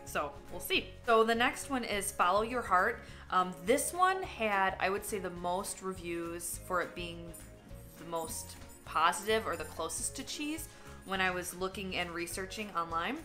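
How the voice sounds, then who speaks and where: A woman's voice: medium pitch, lively intonation, measured pace, sharp tone, soft background music. A woman chatting casually while tasting food for a vlog, candid and talkative, sometimes talking with her mouth full. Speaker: vlogger. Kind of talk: casual taste-test vlog.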